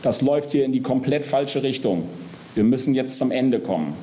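A man's voice: mid-range voice, lively intonation, normal speed, warm tone, pitched above the performer's own voice, lightly acted. A man voicing Death as a cold, menacing old man who hisses his threats in a storybook reading. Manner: hissing, threatening, sneering.

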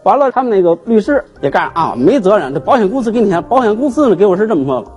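A man, a guest telling his grievance on a TV talk show in an animated, aggrieved way. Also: high voice, very fast, breathy edge, soft background music. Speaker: guest, husband seeking divorce. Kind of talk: emotional storytelling on a TV talk show.

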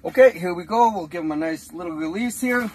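A fishing vlogger from Canada, in his forties, chats loosely to his arm's-length phone camera in an ice fishing tent, laughing and using frequent fillers. His high-pitched, darkish voice runs a little fast over slight background noise on a low-quality recording.

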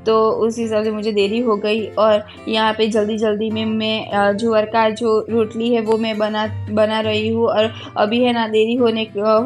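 Chatty young woman. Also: a little high. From India. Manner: chatty, explaining steps with many tag fillers. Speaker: home cooking vlogger and mother. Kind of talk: casual voice-over cooking narration. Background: faint background music.

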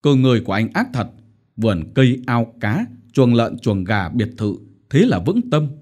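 A man's voice: mid-range voice, big pitch swings, moderate pace, a little mellow. Man doing a hearty army general. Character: hearty middle-aged army general, visiting.

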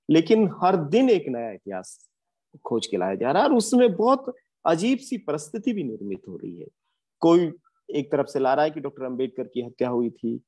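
Earnest man lecturing in a lively voice. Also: a little high. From India. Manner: earnest, reflective, with frequent hesitations. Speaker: guest lecturer. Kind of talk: academic lecture.

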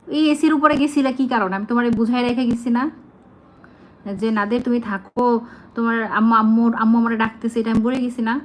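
A woman's voice: on the high side, fairly even intonation, a little fast, low-quality recording. A woman, talking casually to her pet bird, scolding it and then coaxing it in a sing-song voice. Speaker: pet owner.

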